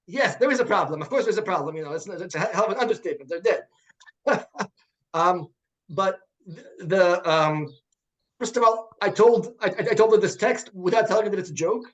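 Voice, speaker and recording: Halting high-voiced man, often repeating words. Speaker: guest, computer science professor. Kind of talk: conversational interview.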